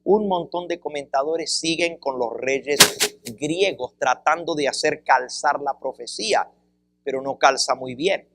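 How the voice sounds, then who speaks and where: A man's voice: fairly high pitch, a bit bright, a little hiss or hum. A man giving a Bible seminar lecture, quizzing his listeners with questions and repeating key phrases to drive home each point. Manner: asks the audience questions and explains with examples; deliberate, repeats phrases for emphasis.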